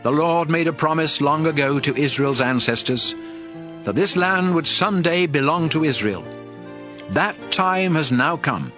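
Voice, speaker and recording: An actor playing Moses, an aged, solemn and commanding Israelite leader, exhorting in a declamatory dramatized scripture reading. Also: male voice, on the high side, natural voice. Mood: encouraging.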